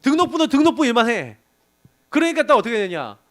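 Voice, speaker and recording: A middle-aged male pastor preaching with a high voice. His pitch swings widely as he tells a lively story from his own work, laughing as he goes and acting out what others said. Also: quick pace. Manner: animated storytelling with laughs and acted quotes. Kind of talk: sermon to a young adults group.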